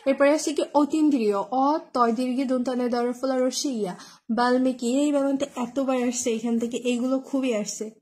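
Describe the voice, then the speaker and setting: A woman's voice: sits high, fairly even intonation, moderate pace, a little mellow. A woman tutor, teaching an online spelling lesson and spelling words out letter by letter with many fillers. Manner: explains with memory tricks, asks "right?".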